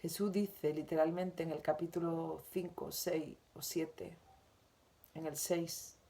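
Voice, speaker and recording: Una mujer con acento de España que lee y comenta una lección espiritual diaria, con tono suave, sentido y reflexivo. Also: female voice, low voice, steady tone, takes it slowly, dark tone. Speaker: spiritual teacher. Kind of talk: reading and commenting on a daily spiritual lesson.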